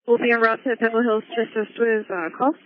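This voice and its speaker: A woman police officer speaking in brisk radio codes, heard over a police walkie-talkie. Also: on the high side, fairly even intonation. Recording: tinny phone-like radio transmission.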